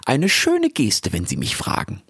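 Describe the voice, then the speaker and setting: A man's voice: medium pitch, huge pitch swings, unhurried, gravelly, a bit bright, slightly rough, dry recording, studio quality, voice pushed up, full character voice. A man voicing a polite, prim older female meerkat who lectures courteously, in an audiobook. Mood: gracious. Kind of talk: audiobook character voice.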